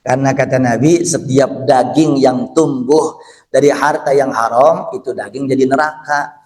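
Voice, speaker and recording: A male preacher who tells a story in a sermon, jumps between hushed lines and sudden shouts, and keeps asking the audience questions. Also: medium pitch, steady tone, moderate pace. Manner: addresses the audience directly and often.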